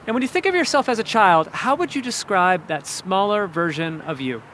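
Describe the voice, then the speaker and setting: A man asking quick, upbeat rapid-fire questions as an interviewer. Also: high voice, lively intonation, a bit bright, slight background noise.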